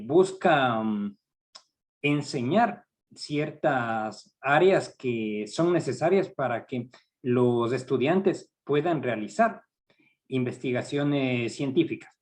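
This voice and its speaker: An Ecuadorian man with a mid-range voice and an Ecuadorian Spanish accent leads an academic training seminar. He's a university research director running a workshop, and he speaks in a measured, hesitant way with frequent fillers.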